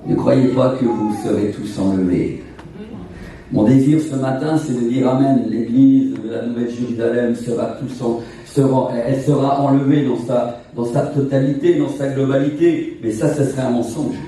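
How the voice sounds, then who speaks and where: A man's voice: mid-range voice, steady tone, normal speed, warm tone. A man in his sixties from Portugal, an evangelist preaching a sermon in an emphatic, repetitive, preacherly cadence. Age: 60s. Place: church sanctuary. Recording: echoey church from far off.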